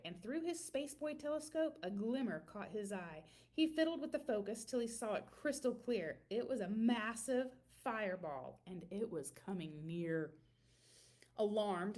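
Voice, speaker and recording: A woman with a medium-pitched voice reads a children's picture book aloud expressively, giving lines dramatic emphasis and drawing out her words like a storyteller.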